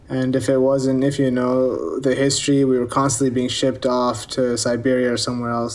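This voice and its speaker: A man's voice: medium pitch, a little mellow. A man conducting an interview, questioning pointedly with pressing, lecturing and sarcastic remarks.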